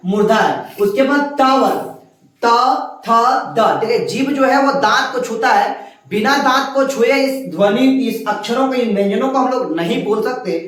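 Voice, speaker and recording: A woman teacher explaining a lesson patiently, step by step, sounding out letters slowly at a writing board. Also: on the high side, distant mic. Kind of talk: classroom lesson. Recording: very echoey room, voice off-mic.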